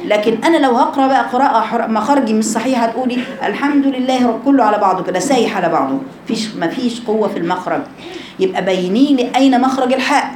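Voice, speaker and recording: Egyptian woman tajweed teacher, higher voice, roomy echo with background noise, explaining and chanting examples. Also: darkish tone. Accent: Egyptian Arabic. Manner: explains with questions, demonstrates sounds by drawn-out chanting. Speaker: Quran recitation teacher. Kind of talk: informal tajweed lesson to female students.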